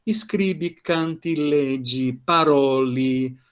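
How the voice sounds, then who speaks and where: Man, teacher, lecture, explanatory, fairly high pitch. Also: drawn-out words, smooth. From Brazil. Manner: explanatory, frequent "né?" and "tá?" tags. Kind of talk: online class lecture.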